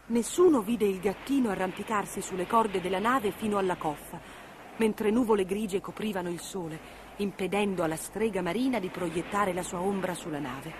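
Woman storyteller, mid-pitched voice, expressive, children's story narration, faint background noise. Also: normal speed. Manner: expressive, lively reading.

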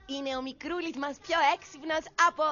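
A woman's voice: sits high, steady tone, pushed and bright. A woman voicing a perky female quiz-show hostess puppet with chirpy game-show patter. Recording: slightly muffled TV audio with faint noise.

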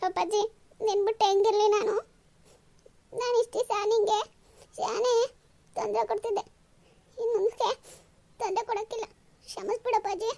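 Woman voicing a cartoon bride, very high and pleading, softly weepy. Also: little pitch movement, quick pace, long pauses. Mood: tearful. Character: young bride leaving her home, tearful, clinging.

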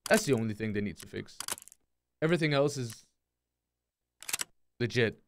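A man's voice: medium pitch, expressive, moderate pace, slight background noise. A young man live-streaming a game, chatting casually and greeting his chat one by one in a laid-back way.

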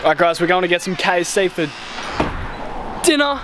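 A young Australian man with a fairly high voice, chatting loosely into a handheld camera as he vlogs. His talk is slangy and laid-back. Loud outdoor noise sits behind him. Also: lively intonation, moderate pace. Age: young adult. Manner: laid-back slangy banter, laughing often. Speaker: vlogger. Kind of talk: casual vlog to camera. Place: outdoors in a suburb and by the sea.

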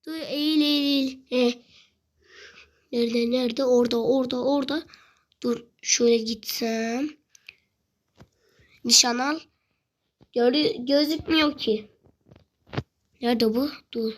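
A woman giving casual commentary while playing a game, impatient and grumbling, repeating herself and shouting excitedly when a fight starts. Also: sits high. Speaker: gamer.

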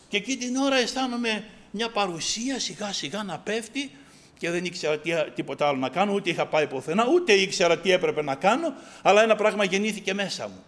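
A man preaching with a high, bright voice. He tells his own story with strong feeling, dropping to a near hush and then rising to loud, fervent exclamations. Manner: emotional storytelling, swings between hushed and loud exclaiming. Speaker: preacher giving testimony. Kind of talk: sermon testimony.

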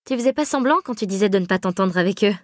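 A woman's voice: animated, rapid-fire, no room sound, studio quality, natural voice. A woman voicing a euphoric young mother who coos and gushes over her baby in a read story. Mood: falsely light. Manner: breathless and cooing, high and bubbly. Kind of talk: audiobook character voice.

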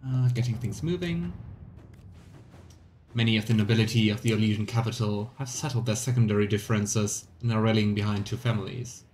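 A game streamer in his thirties does let's play commentary from a small room at home, musing to himself in short remarks and reading game text aloud. His lowish voice is darkish and fairly quick, with clear background noise and game ambience in the recording.

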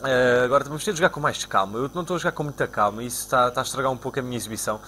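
A young man from Portugal with a European Portuguese accent, commentating his own football video game live and shouting at his players. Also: very fast, a little hiss or hum. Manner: excitable, shouts at players and spikes into high-pitched cries. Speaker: gaming YouTuber.

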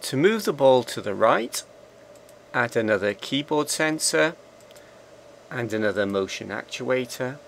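Slow gravelly-voiced man giving instructions. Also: mid-range voice, big pitch swings, a little hiss or hum. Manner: slow, measured, instructional commands. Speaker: software tutorial instructor. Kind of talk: step-by-step screencast narration.

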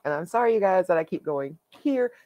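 A woman hosting her own coloring channel, chatting casually and haltingly with plenty of fillers as she shows her finished pages. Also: fairly low pitch, lively intonation, muffled recording. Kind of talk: casual show-and-tell.

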